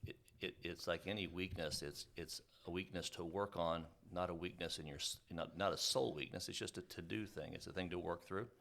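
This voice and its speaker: A man co-hosting a podcast who talks in a halting way, repeating words as he starts his sentences. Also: deep voice, fairly even intonation, creaky, fairly bright tone. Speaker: podcast co-host. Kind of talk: casual conversation.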